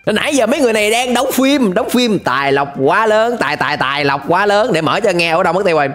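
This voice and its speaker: Music plays in the background of a small indoor streaming setup where a young host with a southern Vietnamese accent reacts playfully and exclaims, tossing in English words. He speaks close to a desk mic in a high, expressive, fairly bright voice at a quick pace.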